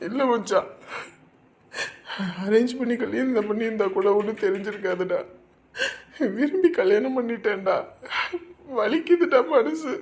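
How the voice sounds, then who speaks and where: A woman's voice: a little high, unhurried, long pauses, a little mellow, close to an everyday voice. A woman voicing a worn-out young husband who is desperately searching for his missing wife, pleading and tearful. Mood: grieving. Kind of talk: audio drama acting.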